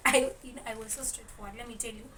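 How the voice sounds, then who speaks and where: In a casual storytelling vlog, a young woman chats in English sprinkled with Swahili words, laughing a lot. She speaks briskly in a slightly high, sharp voice with fairly even intonation. Dishes and cutlery clink in the background, picked up clearly by a distant mic.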